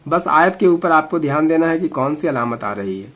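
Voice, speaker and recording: A man teaching Quran recitation, patiently explaining sounds letter by letter and chanting verses slowly between explanations. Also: on the high side, expressive, a bit bright. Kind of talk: recitation lesson.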